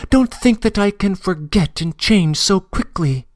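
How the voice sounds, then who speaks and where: High, animated and unhurried, a man's voice with no room sound carries an audiobook of a classic novel. He gives voice to a passionate young woman pleading earnestly on the edge of tears, her confession breathless and trembling.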